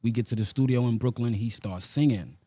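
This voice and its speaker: In a dry recording, a South Bronx rapper speaks briskly in a dark, medium-pitched voice with a New York accent. His casual interview talk is heavy on street slang and frequent "you know what I'm saying" tags.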